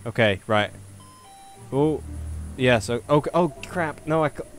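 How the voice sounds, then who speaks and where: A man talking his way through a spooky video game, chatty and jokey, muttering to himself between moves. His voice sits at an ordinary pitch, with a touch of faint music behind it. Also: slow pace. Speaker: gaming youtuber. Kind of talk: let's play commentary.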